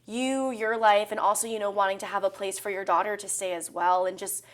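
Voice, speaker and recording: Woman, interviewer, medium pitch, conversational questioning. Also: steady tone, a little fast.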